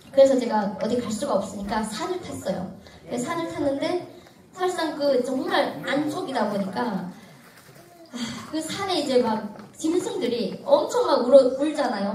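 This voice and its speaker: A woman from Korea, giving a personal testimony to an audience in lively storytelling that breaks into laughter at tense moments. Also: high voice. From North Korea. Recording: echoey hall, mic at a distance, audience.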